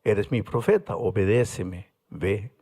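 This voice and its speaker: A preacher putting on the voice of God, a calm male presence who gives short, firm orders. The voice drops lower than his own and turns gravelly. It is slow and unhurried. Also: full character voice. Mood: commanding.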